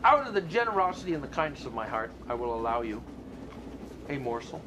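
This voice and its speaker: A man's voice: mid-range voice, very animated, brisk, close to an everyday voice. An actor playing a teasing, mock-grand man in a comedy drama, with playful, exaggerated delivery. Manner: theatrical, playful, exaggerated swoops. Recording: noisy ambient background.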